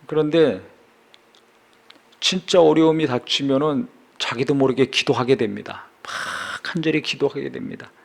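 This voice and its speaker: A middle-aged man preaching a sermon as a pastor, with a gravelly edge to his voice. He reads scripture aloud, then asks his listeners questions and answers them himself. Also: medium pitch.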